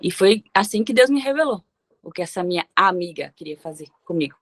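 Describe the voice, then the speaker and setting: A woman's voice: lowish voice, lively intonation, fairly quick. A woman guest sharing a personal story with emphatic, religious phrasing. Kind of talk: personal testimony in conversation.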